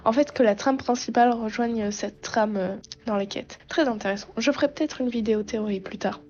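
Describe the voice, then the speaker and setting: A woman's voice: fairly high pitch, fairly quick, a little mellow, highs cut off, a little hiss or hum. A woman giving chatty, gushing let's-play commentary on a game. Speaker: gamer.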